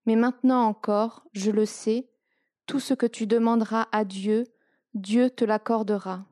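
A woman voicing a grieving, faithful woman in a soft, earnest reading. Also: on the high side, fairly even intonation, a little slow, no room sound, clean studio sound, natural voice.

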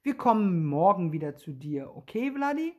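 Woman as a curious young schoolboy, husky, bright and surprised. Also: fairly low pitch, sing-song, moderate pace, dull audio. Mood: lively.

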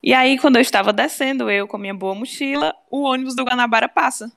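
A woman's voice: sits high, vocal fry. A young woman with a Cearense Brazilian accent, telling a story in casual chat and acting out the dialogue. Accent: Cearense Brazilian Portuguese. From Ceará, Brazil. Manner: animated, acts out dialogue, fast. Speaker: storyteller guest.

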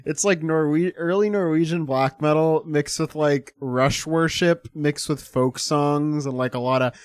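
A man's voice: on the high side, steady tone, unhurried, smooth, no room sound. A man casually chatting about metal albums on a podcast, laughing often and reading review quotes aloud with animation. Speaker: podcast co-host. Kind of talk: casual music review chat.

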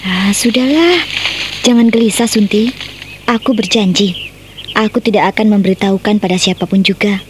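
A woman's voice: mid-range voice, moderate pace, long pauses, background noise, natural voice. An actress playing a playful young village girl who teases her friend in a radio drama. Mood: teasing. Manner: playful, teasing.

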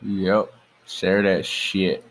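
A man's voice: sits low, flat delivery, very slow. A young man co-hosting a casual podcast, laid-back and teasing. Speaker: podcast co-host.

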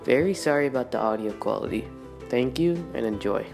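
A man's voice: mid-range voice, animated, a little fast, gravelly. A man reading a short scripted introduction to an educational lecture episode. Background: plucked guitar music.

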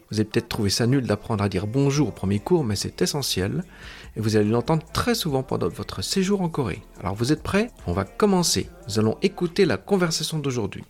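A man teaching a recorded language lesson, patiently explaining and breaking sounds down slowly. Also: mid-range voice.

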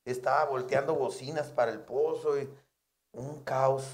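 A man's voice: medium pitch, measured pace. A Mexican man, a comedian, telling stories in casual chat and acting out the voices of the people in them. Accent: Mexican Spanish. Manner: animated, acts out shouting voices in his stories.

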